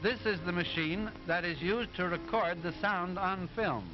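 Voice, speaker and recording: A man playing an instructive professor in an early talkie cartoon, explaining things in a deliberate, didactic manner. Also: sits high. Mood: patient, instructive. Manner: deliberate, didactic, clearly enunciated. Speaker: narrator explaining sound film. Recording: dull 1920s optical film soundtrack, music behind.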